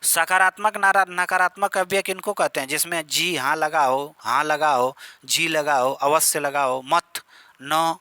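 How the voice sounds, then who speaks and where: A man's voice: on the high side, steady tone, unhurried, sharp tone, dry recording. A man teaching an exam-prep grammar lesson, working through many example sentences, asking questions and answering them himself, and talking familiarly to his students.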